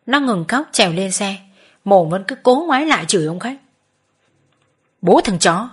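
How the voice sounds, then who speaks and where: A woman reading a first-person story in a steady, plain manner. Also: medium pitch, fairly quick, slightly rough.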